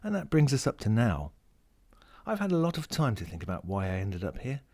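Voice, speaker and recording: A man reads a first-person short story dramatically and melancholically, voicing a sentient ring lost at sea that is lonely, world-weary and wry. His mid-range voice is sing-song and a little mellow, moving fairly quickly, with a resigned, reflective mood.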